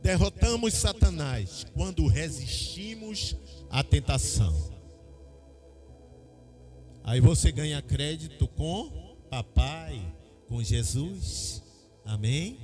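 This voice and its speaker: A middle-aged Brazilian man preaching a sermon, telling a personal story and acting out the dialogue with lively energy. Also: fairly high pitch, slow pace, pauses often, soft background music. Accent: Brazilian Portuguese. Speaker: pastor.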